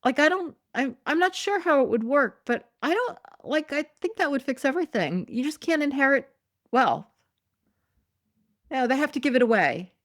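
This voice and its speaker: A woman's voice: high voice, animated, moderate pace, fairly bright tone, no echo, studio quality. A woman hosting a podcast, reading articles aloud with sarcastic, digressive commentary and frequent laughs. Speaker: podcast host.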